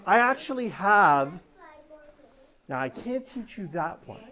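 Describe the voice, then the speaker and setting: Woman, stage magician, children's show, slow pace, medium pitch, instructive, coaxing, frequent check-in questions. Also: big pitch swings, fairly bright tone. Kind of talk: live magic show patter, talking to the audience.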